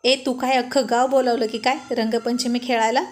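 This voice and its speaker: Bantering young married guy, mock-scolding, high voice, woman reading, story. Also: flat delivery, brisk, lightly acted. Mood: teasing. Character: teasing young married man, playful.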